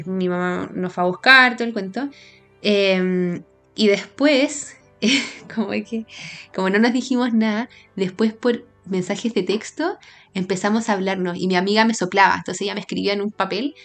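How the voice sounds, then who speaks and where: A young Chilean woman with a Chilean accent, telling her own stories in a casual, animated, self-mocking way with lots of slang. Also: mid-range voice. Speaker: podcast host. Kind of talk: casual storytelling monologue.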